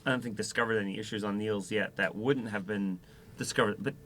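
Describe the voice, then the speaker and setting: A man's voice: fairly low pitch, fairly even intonation, fairly bright tone. A man co-hosting a podcast, chatting casually about sailing. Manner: conversational, quick to agree.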